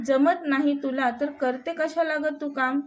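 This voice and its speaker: A woman's voice: sits high, steady tone, a little slow. A woman voicing a short-tempered rich young husband who scolds harshly. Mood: angry.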